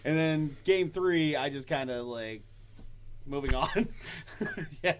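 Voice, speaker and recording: A man's voice: fairly high pitch, slow, noisy background. Laughing man telling game stories. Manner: storytelling, laughs often. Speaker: podcast host. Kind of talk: casual chat.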